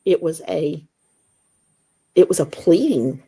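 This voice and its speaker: Husky woman telling a wild story. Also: low voice, slow. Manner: animated storyteller acting out quoted dialogue. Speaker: guest, Bigfoot investigator. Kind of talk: casual storytelling interview.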